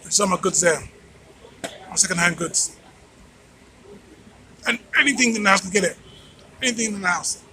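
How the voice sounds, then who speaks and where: At a moderate pace with frequent pauses, a man speaks in a high-pitched, sharp tone over slight background noise. The vlogger and channel host addresses his viewers informally from a street at night, giving a motivational monologue in an emphatic, preacher-like way full of rhetorical repetition.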